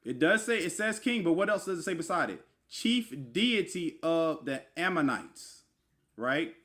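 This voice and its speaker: A man with a somewhat high, sing-song and slightly bright voice teaches casually online with a screen share, unhurried. He spells out scripture words one letter at a time to explain their meanings, calling the listener brother amid frequent fillers and asides.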